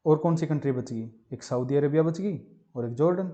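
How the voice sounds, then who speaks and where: A male teacher delivers an exam-prep geography lesson in a slightly high, brisk voice with a dark tone. He uses memory stories and repeatedly poses questions only to answer them himself, captured as muffled lo-fi voice-over.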